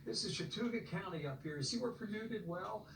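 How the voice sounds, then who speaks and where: A man's voice: high-pitched, expressive, quick pace, creaky, echoey room, far from the mic, background noise. American man giving live election analysis. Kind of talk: live news analysis of voting maps.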